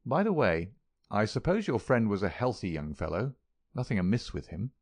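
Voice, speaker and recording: Composed gentleman sleuth, measured and polite, gravelly edge as a man reads him. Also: on the low side, big pitch swings, no room sound. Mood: courteous, probing. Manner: measured, courteous, quietly probing. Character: calm, keen gentleman detective, man.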